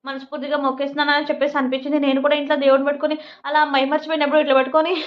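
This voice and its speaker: A woman's voice: high-pitched, flat delivery, rapid-fire, highs cut off. A woman vlogger in casual talk to camera, rambling and making earnest, pleading appeals.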